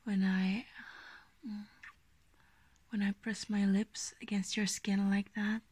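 A woman doing an ASMR role-play as an affectionate, gently dominant girlfriend, speaking slowly and intimately in a coaxing half-soft voice. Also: medium pitch, no room sound. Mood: tender, soothing. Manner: slow, breathy, intimate, soft-spoken, coaxing.

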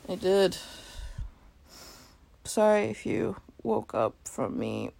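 A woman's voice: medium pitch, big pitch swings, slow pace, gravelly, darkish tone, dry recording, heavily acted. A woman playing a sleepy, playful girlfriend in an intimate role-play, murmuring in a whiny, teasing way and sometimes whispering. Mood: drowsy, murmuring. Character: sleepy playful girlfriend waking late on her birthday.

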